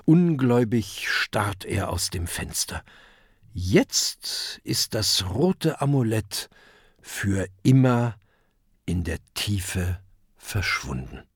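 A man narrating a children's adventure audiobook in a lively storytelling manner. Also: on the low side, drawn-out words, breathy edge, no room sound, clean studio sound. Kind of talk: scripted narration.

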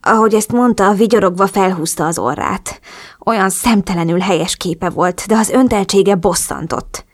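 A woman narrating a romance audiobook in the first person, expressive and lively. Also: mid-range voice, no echo, studio quality.

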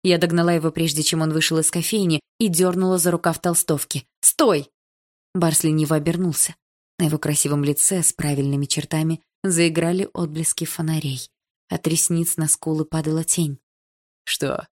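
A woman narrates a first-person audiobook with lively, sardonic storytelling. Her voice sits low for a woman. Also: brisk.

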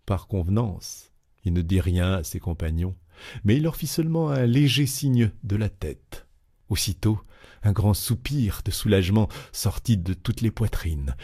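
A man reading a classic novel aloud in a measured, expressive narration. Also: low voice, husky. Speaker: audiobook reader.

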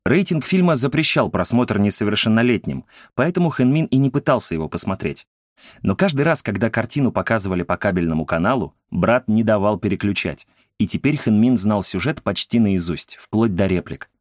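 Low-voiced male audiobook narrator. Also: lively intonation, a little fast, darkish tone, dry recording, studio quality. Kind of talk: scripted narration.

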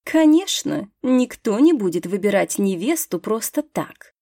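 A woman's voice: medium pitch, big pitch swings, measured pace, warm tone, no echo, studio quality. A woman voicing a haughty young female aristocrat student who speaks in a mocking, condescending way.

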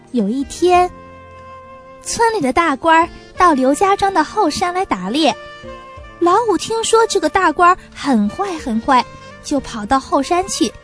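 A woman reading a children's folk tale aloud, expressive and animated. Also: high-pitched. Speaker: storyteller. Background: faint music.

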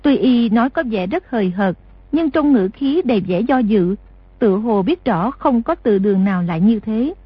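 A woman narrating an audiobook in a steady, measured reading voice. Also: a little high, slightly rough, no echo, lo-fi sound. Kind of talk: scripted narration.

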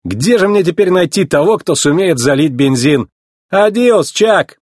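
A man's voice: a little high, lively intonation, a little slow, a little mellow, no room sound, studio quality, pitched above the performer's own voice. A man voicing an arrogant young male race car in a storybook reading, talking in a boastful, mocking way. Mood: cocky.

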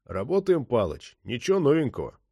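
A man voicing a gruff, unflappable boatswain cop with a bass voice in an audiobook. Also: wildly swooping pitch, a little fast, no echo, dull audio, heavily acted. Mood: gruff coaxing.

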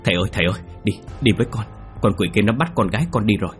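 A man voicing a desperate young father who shouts urgently and rushes his words. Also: fairly low pitch, animated, faint music behind, lightly acted. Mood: panicked urgent.

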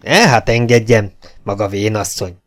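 A man's voice: fairly low pitch, faint music behind, close to an everyday voice. A man voicing a brutal, scornful legionnaire. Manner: harsh, shouting, scornful. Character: brutal hot-tempered male legionnaire. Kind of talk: audiobook character voice.

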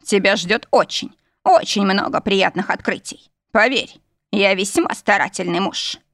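A woman's voice: mid-range voice, a little slow, a bit bright, no room sound, studio quality. A woman voicing a smug, passionate male demon husband who talks in a teasing way, in an audiobook.

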